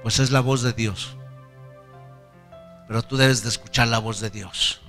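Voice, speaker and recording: A man's voice: mid-range voice, fairly even intonation, measured pace, fairly bright tone, in a large hall, faint music behind. A male pastor preaching a sermon with fervor. He repeats key phrases and leads the congregation in prayer.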